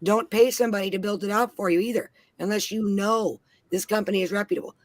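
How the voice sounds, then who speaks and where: A woman's voice: mid-range voice, steady tone, quick pace, no echo. A woman from Minnesota on a panel, telling blunt, heavily profane stories in casual chat. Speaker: panel guest.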